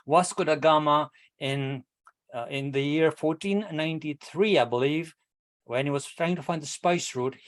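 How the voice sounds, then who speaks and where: An older man born in Kenya, with a slightly high voice, gives a prepared speech as a member of a public speaking club meeting online over video call. He tells his story with animation, addressing "ladies and gentlemen" and posing rhetorical questions.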